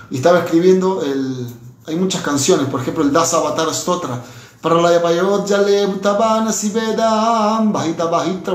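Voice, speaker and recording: A man teaching a scripture class in a conversational way, often checking in with his listeners. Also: fairly high pitch. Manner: conversational, frequent tag questions. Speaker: religious teacher. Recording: roomy echo.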